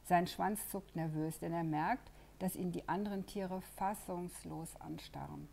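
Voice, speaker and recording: Woman librarian, storybook read-aloud, very slow, gravelly and mellow, asks the kids questions. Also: fairly low pitch, fairly even intonation, a little hiss or hum. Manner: slow, asking listeners questions. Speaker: library head reading to children.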